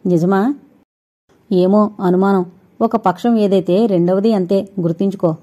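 A woman's voice: mid-range voice, fairly even intonation, a little slow, dark tone, lightly acted. A woman reading the part of a guarded, teasing man in an audiobook, curt in manner.

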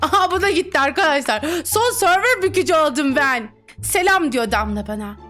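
A woman's voice: sits high, expressive, a little fast, pushed and bright. A young woman commentating her online game casually, giggling, teasing other players and reading the chat aloud in playful voices. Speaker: gaming streamer. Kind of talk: casual Roblox gameplay commentary. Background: background music.

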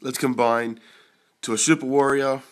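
Here a young man who's under the weather comments casually on his mobile game pulls, repeatedly clearing his throat and cursing with excitement at strong results. His voice is mid-range and his pace moderate.

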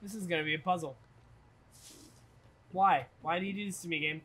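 A woman's voice: fairly low pitch, fairly even intonation, fairly quick, a bit bright, slight background noise. A woman streaming a video game, giving casual, profane commentary and reacting aloud as she plays.

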